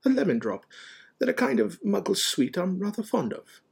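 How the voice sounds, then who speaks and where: A man playing a gentle, calm, whimsical old wizard in an audiobook, speaking in a mild, courteous, unhurried way. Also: sits high, vocal fry, slightly rough, voice pushed up, full character voice. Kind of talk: audiobook character voice.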